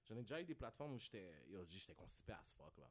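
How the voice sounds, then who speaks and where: A man's voice: on the low side, big pitch swings, rapid-fire, slightly rough. A man with a Quebec French accent, chatting on a podcast as a guest, mixing English slang into his French and often asking "tu comprends?". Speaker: podcast guest, content creator. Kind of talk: casual podcast chat.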